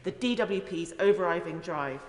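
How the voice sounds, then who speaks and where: Speaking in a formal parliamentary debate, a female MP gives an earnest and emphatic rhetorical address. Her voice is lowish and expressive at a normal speed, echoing through the large, reverberant indoor chamber.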